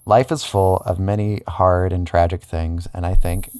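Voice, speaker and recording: A man's voice: low-pitched, little pitch movement, normal speed, darkish tone, smooth. A man hosting a comedy podcast, improvising chat and mock interviews with a mock-sincere, hesitant delivery.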